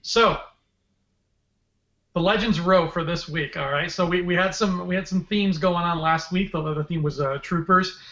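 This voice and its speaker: Higher-voiced joking man in an echoey room. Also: moderate pace, sharp tone. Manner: playful, joking, rambling asides. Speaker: podcast co-host. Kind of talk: casual livestream chat. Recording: dull, echoey room sound.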